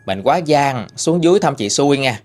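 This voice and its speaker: A man with a Southern Vietnamese accent voicing a stern, sharp-tongued old woman who rules her family, in a ghost story, speaking in a bossy, blunt country way. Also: mid-range voice, lively intonation, normal speed, faint music behind, natural voice. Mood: coaxing.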